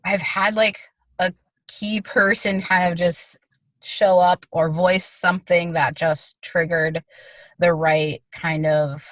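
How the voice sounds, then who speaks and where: A woman's voice: fairly low pitch, steady tone, slow pace, dry recording, poor audio. A woman artist answering interview questions over a video call from her car, hesitant and full of likes and kind-ofs. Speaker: guest artist.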